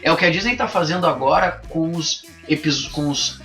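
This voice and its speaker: A man's voice: on the high side, brisk, bright, forceful tone, faint music behind. A man, hosting a casual film review chat and thinking aloud with frequent restarts. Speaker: podcast host.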